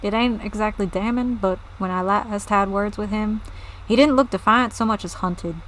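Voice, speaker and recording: A woman's voice: medium pitch, takes it slowly, warm tone, slight background noise, lightly acted, low-quality recording. Casting: blustery old game farmer man who curses pirates with old-fashioned insults, put on by a woman streamer. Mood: gruff. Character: gruff older male farmer leader, blustery.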